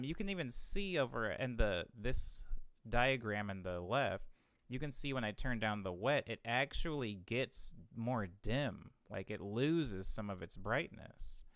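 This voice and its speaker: Lively young man explaining on stream. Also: medium pitch, clean tone, dry recording, clean studio sound. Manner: excitable, thinks aloud, talks to viewers. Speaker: music producer streaming a tutorial. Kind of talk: casual live-stream explanation.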